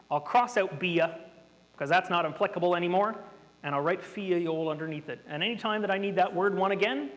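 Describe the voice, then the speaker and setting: A man with a high, fairly bright voice runs an interactive workshop in a hall, explaining things to the participants in a chatty, nerdy way. The audience is present and the hall is reverberant.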